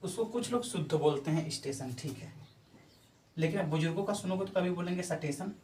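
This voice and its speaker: A man's voice: fairly high pitch, fairly quick, a little mellow. A male teacher giving an exam-prep lecture. He explains things patiently, repeats each example several times and keeps checking in with his listeners. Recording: echoey room from far off, faint noise.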